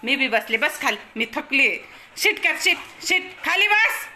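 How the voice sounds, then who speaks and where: High-voiced woman coaxing her dog. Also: sing-song, unhurried, bright, forceful tone, slight background noise. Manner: coaxing, scolding, baby talk. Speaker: pet owner filming her dog. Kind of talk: casual talk to a pet. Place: home, indoors.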